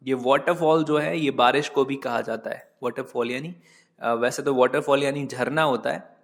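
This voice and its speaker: A man teaching vocabulary from slides, slow and patient, spelling each word out letter by letter and stopping to correct his own typos. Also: medium pitch, in a large hall. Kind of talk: slide-based vocabulary lesson.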